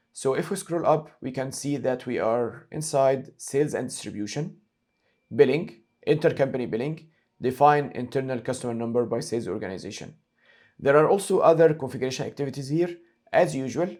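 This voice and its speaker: A male instructor with a medium-pitched voice narrates a screen-share software tutorial, going through each step methodically and repeating the key points.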